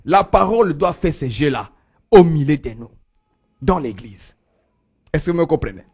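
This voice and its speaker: A man preaching a sermon, swinging from loud proclaiming to low murmurs. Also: big pitch swings, moderate pace, husky.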